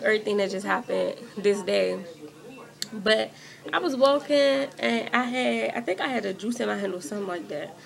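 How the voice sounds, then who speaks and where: A woman's voice: mid-range voice, vocal fry. A young woman vlogger in casual storytime chat, rambling and filling her talk with "like" as she speaks straight to viewers. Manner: animated when indignant. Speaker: beauty vlogger. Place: at home doing makeup.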